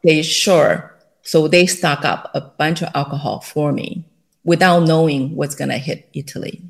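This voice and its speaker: This low, creaky-voiced woman keeps a steady tone and a measured pace. Middle-aged and Taiwanese-accented, she is a company founder recounting her story as a guest in a relaxed interview, sprinkling in many fillers and soft laughs.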